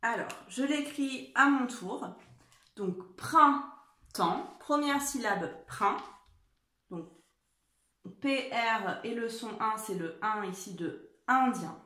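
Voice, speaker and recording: A woman teacher giving a dictation lesson to young children, spelling out words and letters slowly and carefully. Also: a little high, fairly bright tone, roomy sound. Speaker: primary school teacher.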